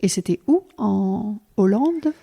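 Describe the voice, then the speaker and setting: A woman hosting a podcast interview, asking questions in a relaxed, friendly way. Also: medium pitch, takes it slowly, creaky, breathy edge. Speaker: podcast host. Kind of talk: casual interview chat.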